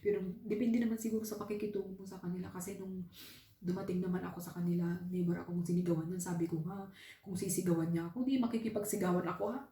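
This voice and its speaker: A woman's voice: lowish voice, steady tone, quick pace, mellow, echoey room. A woman from the Philippines working abroad as a domestic helper, earnestly telling her own story in a casual vlog and often speaking straight to her viewers. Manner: earnest, heartfelt, often addresses viewers as "guys".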